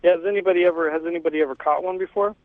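A man's voice: high-pitched, fairly even intonation, racing, no room sound. A man calling into a radio show over a phone line, asking questions with hesitant ums and uhs. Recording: tinny dry phone line.

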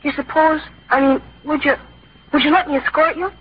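High-voiced awkward young schoolboy, played by a woman. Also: fairly even intonation, fairly quick, close to an everyday voice. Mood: bashful. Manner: hesitant, stammering. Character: earnest, awkward, naive young teenage schoolboy. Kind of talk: old-time radio comedy acting. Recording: dull lo-fi old radio recording.

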